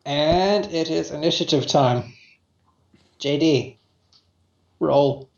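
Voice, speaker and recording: Tabletop game master, unhurried, medium pitch, improvised narration, dull roomy recording. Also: creaky, darkish tone. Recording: echoey, dull room recording.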